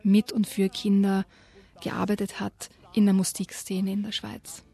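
A woman co-hosting a radio show, lively retelling and reading aloud a children's story, giving quoted lines their own voice. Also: mid-range voice, a little slow, slightly rough. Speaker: radio co-host presenting children's books.

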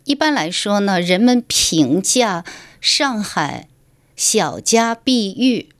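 A woman's voice: medium pitch, lively intonation, slow pace. A woman writer from Shanghai, guest on a radio interview, explaining her views in an articulate, lecturing way.

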